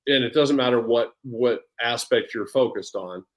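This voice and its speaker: Speaking at a normal speed with a medium pitch, this forties-aged personal development coach talks casually in a podcast interview. He's energetic, frequently restarting sentences and repeating words.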